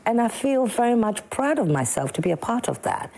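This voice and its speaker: Speaking a little fast with big pitch swings, this woman has a slightly high, creaky, warm voice. She is a musician from Sekondi-Takoradi in Ghana, a guest on a morning TV studio show who feels a bit slow this morning and stresses points emphatically by repeating words.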